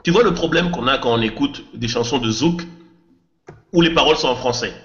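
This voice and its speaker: Co-hosting a casual podcast panel, a man keeps insistently repeating his point and throwing questions at the group. His medium-pitched voice is brisk and fairly bright, captured in a muffled, roomy recording.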